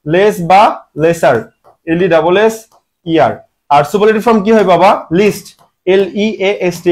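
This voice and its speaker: A man's voice: sits high, darkish tone. A man teaching English grammar for an admission exam in Bengali-style speech, teasing his students and asking and answering his own questions. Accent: Bangladeshi Bengali. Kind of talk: online admission-exam lesson.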